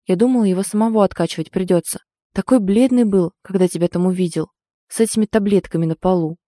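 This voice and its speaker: A woman voicing an anxious, protective young female friend in an audiobook, talking in quick, worried pleas. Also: medium pitch, warm tone, no echo, clean studio sound, natural voice. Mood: pleading.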